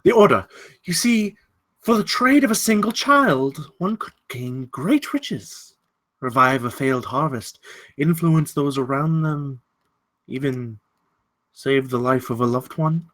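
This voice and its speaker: With a mid-range, expressive voice, an actor reads the part of a courteous, menacing gentleman villain at a table read. He tells the character's tale slyly, in deliberate, ornate, theatrical phrasing.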